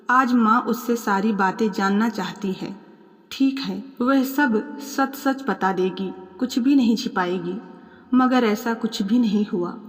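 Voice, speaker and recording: Calm, measured woman storyteller, fairly high voice, long reverb on the recording. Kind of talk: scripted story narration.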